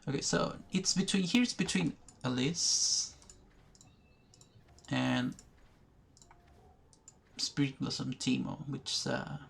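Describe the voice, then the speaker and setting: Slow, gravelly man commentating gameplay. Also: medium pitch, fairly bright tone. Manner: slow, thinking aloud with pauses and restarts. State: has the hiccups. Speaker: gaming video creator. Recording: faint background noise, poor recording.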